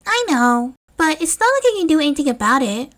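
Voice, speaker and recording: A woman performing a small boy's voice for a storybook reading, pitched well up and bright, with a lively, bouncing lilt. He sounds weary and resigned beyond his years, shrugging things off with forced cheer. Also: fairly quick. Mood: resigned chirpy.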